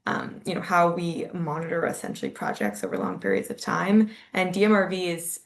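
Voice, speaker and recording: Woman, low voice, gravelly, measured explainer, webinar panelist, video call. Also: very animated. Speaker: panelist from a standards body.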